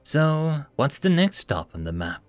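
A man voicing a cautious, wary young female explorer in a low-key way. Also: big pitch swings, measured pace, no echo, faint music behind.

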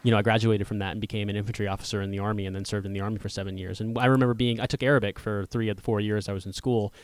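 Fast-talking american guy in his 30s, animated chat with lots of restarts and swearing, low voice, dry close sound. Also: no room sound. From United States. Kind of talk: casual political discussion.

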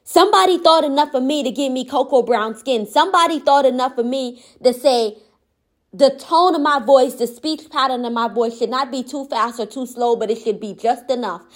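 Impassioned high-voiced woman speaker. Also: moderate pace. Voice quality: gentle yet firm. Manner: impassioned, repetitive emphatic phrasing. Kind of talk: motivational monologue.

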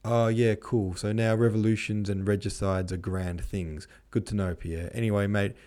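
A man's voice: lowish voice, level tone, normal speed, dark tone, close to an everyday voice. A man voicing a flustered, sarcastic society hostess. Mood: pleading. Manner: pleading, sarcastic. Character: flustered society hostess, middle-aged woman.

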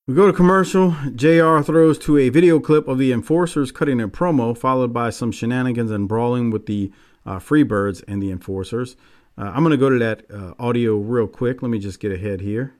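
A man hosts a casual wrestling recap in a medium-pitched voice. His delivery is dry and offhand, often trailing off. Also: a little fast, darkish tone. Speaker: podcast host.

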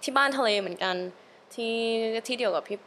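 A young adult woman hosting a podcast in casual chat, curious and lively, laughing easily. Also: a little high, fairly quick, breathy edge. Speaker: podcast host. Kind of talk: casual interview chat mixing English.

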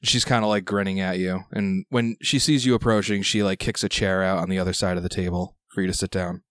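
Low-voiced man narrating a tabletop game. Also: fairly even intonation, no echo, clean studio sound. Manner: halting, conversational phrasing with repeated "like". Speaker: game master.

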